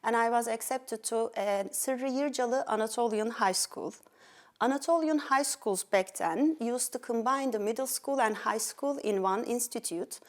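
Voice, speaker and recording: Speaking unhurriedly in a fairly high voice, a middle-aged woman from Turkey tells her life story as an interview guest. She's a pediatric endocrinologist with a Turkish accent, and she speaks earnestly, with fillers and restarts.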